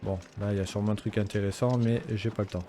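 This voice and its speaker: A man's voice: fairly low pitch, fairly even intonation, fast talker, dark tone, a little hiss or hum. A man hosting a video game let's play, rambling and swearing playfully as he keeps interrupting himself mid-sentence. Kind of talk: casual gameplay commentary.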